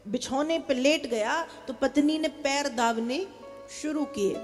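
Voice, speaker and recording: High-voiced woman preaching in a hall. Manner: animated, urges the audience to chant and clap. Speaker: devotional storyteller. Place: large hall with a live audience. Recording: long hall reverb with faint music.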